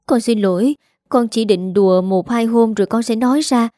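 A woman's voice: on the high side, normal speed, mellow, dry recording, clean studio sound, lightly acted. Woman voicing a sobbing remorseful daughter. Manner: pleading, apologetic.

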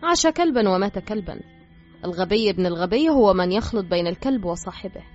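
A woman voicing a calm, scheming male thug who makes quiet threats, read in an audiobook with faint music behind. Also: mid-range voice, fast talker, close to an everyday voice. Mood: calm, menacing. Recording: slightly dull with faint music.

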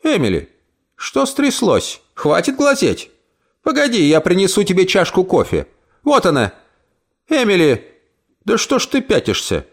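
A sharp-tongued old woman in a storybook, scolding in a high, shrill voice that leaps up and down. A man acts her out, pitching far above his own speaking voice. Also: big pitch swings, unhurried, creaky, full character voice. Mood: alarmed.

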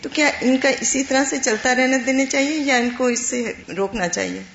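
A woman's voice: high voice, vocal fry, fairly bright tone. A woman student politely asking her teacher a question in class. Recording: echoey room, muffled, faint hum.

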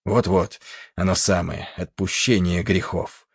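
Brief: man doing a big, coarse stoker, scornful and defiant, husky, dry close sound. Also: sits low, steady tone, unhurried, no echo, heavily acted. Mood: gruff. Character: big coarse angry male ship's stoker.

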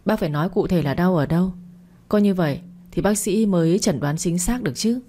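A polite young female hospital doctor, voiced by a woman narrator, courteous and brisk in an audiobook story. The voice is lowish and mellow, close to the narrator's own. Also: lightly acted.

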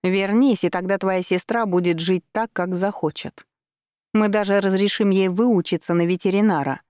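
A woman's voice: medium pitch, steady tone, moderate pace, a little mellow, clear, resonant tone, dry recording, natural voice. A woman voicing a cruel, scheming middle-aged mother who talks down to her daughter with cold scorn. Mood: coaxing, scornful.

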